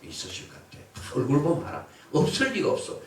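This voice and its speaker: A man preaches to his congregation with great animation, shouting out his examples and asking for answers. His voice sits a little high and leaps around in pitch. He is picked up from across a strongly echoing hall. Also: wildly swooping pitch, quick pace. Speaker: pastor. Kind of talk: sermon. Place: church or prayer house hall. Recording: echoey hall, voice from far off mic.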